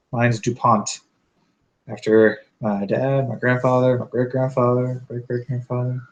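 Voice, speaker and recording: A man's voice: mid-range voice, flat delivery, unhurried, dull audio. A man in his twenties co-hosting a casual live stream with dry, teasing jokes. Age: 20s. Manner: joking, dry teasing humor. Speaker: co-host, soldier.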